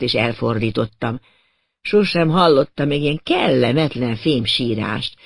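Gravelly man narrating a story. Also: a little high, no room sound, studio quality. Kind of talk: first-person audiobook narration.

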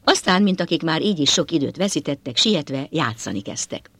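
Man reading a novel aloud, first person, lots of pitch movement, dry close sound. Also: slightly rough, no echo. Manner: expressive, dramatic reading. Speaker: audiobook narrator.

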